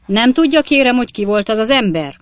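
A woman's voice: medium pitch, very animated, dry recording, studio quality, voice pushed up, close to an everyday voice. A woman voicing a small, irritable male judge who questions sharply and indignantly in a storybook reading.

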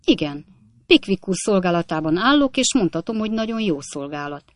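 A woman voicing a cheerful, quick-witted young manservant who answers with cool good humour in a storybook reading. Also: on the low side, very animated, no echo, clean studio sound. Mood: cheeky.

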